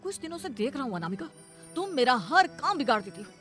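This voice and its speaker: A woman's voice: high-pitched, very animated, fast talker, music in the background. A woman voicing a young office-going husband who pleads with his wife and then scolds her, in a cartoon story. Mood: scolding. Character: young husband, office worker, short-tempered. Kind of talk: cartoon voice acting.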